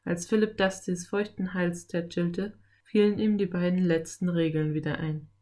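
A woman narrating a children's audiobook in a calm, even storytelling manner. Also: on the low side, normal speed.

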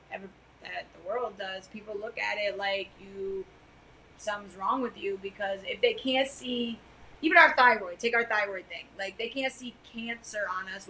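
A middle-aged woman co-hosting a podcast, chatting casually on a couch in a loud, emphatic way. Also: mid-range voice, a little hiss or hum, low-quality recording. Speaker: podcast co-host. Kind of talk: casual chat. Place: living room couch.

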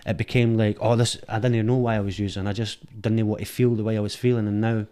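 The guest, a middle-aged film director from Edinburgh, talks fast in a fairly low, flat voice that's dark, clear and resonant. His reflective, candid answers feature repeated words as he searches for phrasing. A dynamic studio mic picks him up.

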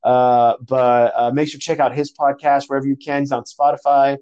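A young man telling a story in a casual podcast chat, animated and slangy, calling people bro and dude. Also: medium pitch, fairly quick, smooth, muffled recording.

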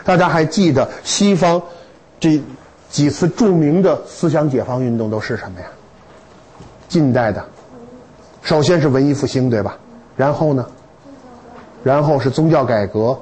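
A man lecturing to students in a lively, humorous way, with stories and rhetorical questions. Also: mid-range voice, moderate pace, pauses often, husky, rough recording.

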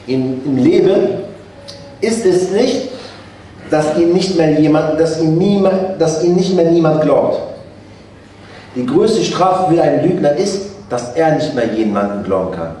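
A man's voice: fairly high pitch, expressive, measured pace, warm tone, slight background noise. A man giving a conversational sermon as a religious teacher, asking his listeners questions. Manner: conversational, asks the audience questions, often adds "ne?". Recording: echoey room, voice from far off.

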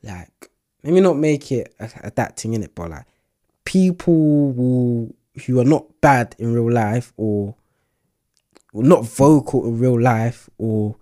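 A man's voice: mid-range voice, expressive, unhurried, dark tone. A man in casual podcast chat, laid-back and heavy on slang fillers.

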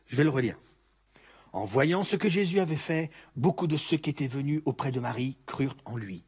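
A man preaching a sermon as a pastor, animated, acting out the voices of the story. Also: medium pitch, normal speed, slightly rough. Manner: animated, acts out the story's speakers.

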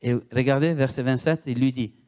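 A man with a medium-pitched, dark voice preaches a sermon in French in a steady tone and at a brisk pace. Italian is his first language, and his accent is strong. He is emphatic, repeats himself often, and frequently poses questions to his listeners.

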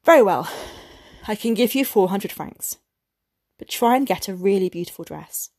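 A woman's voice: medium pitch, lively intonation, moderate pace, a little mellow, dry recording, clean studio sound. A woman reader voicing an anxious, eager-to-please clerk husband who stammers and pleads. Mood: pleading.

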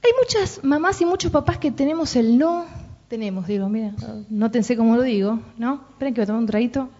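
A woman's voice: fairly high pitch, lively intonation, fairly quick, dark tone. A woman with a Rioplatense accent, giving an informal parenting talk and checking in with listeners often. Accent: Rioplatense Spanish. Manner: chatty, asks "¿no?" and "¿sí?" often. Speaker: parenting workshop speaker. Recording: dull lo-fi recording.

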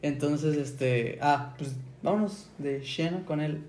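A man's voice: a little high, takes it slowly, a little mellow. Slangy young Mexican man, echoey room. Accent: Mexican Spanish. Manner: laughs often, slangy, acts out quoted voices. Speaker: podcast co-host. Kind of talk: casual chat, reading listener stories.

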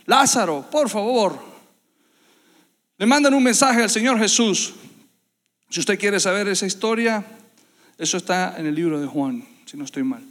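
Male preacher, high voice, fervent sermon, long church reverb. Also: expressive, a little slow, long pauses. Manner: impassioned, builds to loud repetitive emphasis. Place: church hall.

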